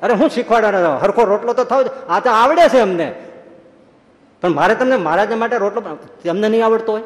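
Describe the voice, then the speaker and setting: A man voicing a stubborn, sharp-tongued old village woman who scolds and dismisses a visitor. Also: lowish voice, lively intonation, quick pace, echoey room, long reverb tail, pitched above the performer's own voice, lightly acted. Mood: scolding.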